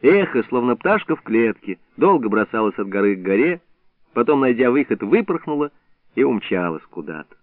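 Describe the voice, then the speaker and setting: Expressive male audiobook narrator. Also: medium pitch, normal speed, dry recording. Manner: expressive, storytelling. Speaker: audiobook reader. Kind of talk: first-person literary narration. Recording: dry, narrow phone-like sound.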